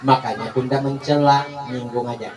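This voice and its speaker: A man giving a joking, animated sermon at a large religious gathering, acting out quoted couples. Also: mid-range voice, normal speed. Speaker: preacher. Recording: echoey, distant mic with crowd.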